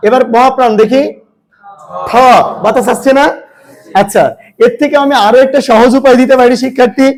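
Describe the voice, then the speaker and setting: A man teaching a grammar lesson, asking his students questions and answering them himself. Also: extremely high pitch.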